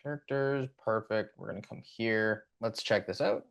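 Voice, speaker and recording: A man hosting a casual software tutorial. He talks in a relaxed way and uses plenty of "um"s. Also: fairly low pitch, normal speed, vocal fry, clean tone. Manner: relaxed, with frequent fillers. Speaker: tutorial host. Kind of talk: casual screen-recording tutorial.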